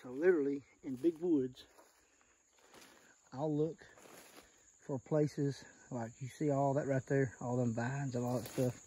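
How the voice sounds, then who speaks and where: Mellow Arkansas Southern man scouting outdoors. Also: medium pitch, steady tone, a little slow, pauses often, husky, rough recording. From Arkansas, United States. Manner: folksy, plainspoken, points things out as he goes. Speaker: deer hunter giving scouting tips. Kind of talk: casual outdoor vlog, explaining while scouting. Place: outdoors in the woods. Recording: outdoor field recording with faint natural noise.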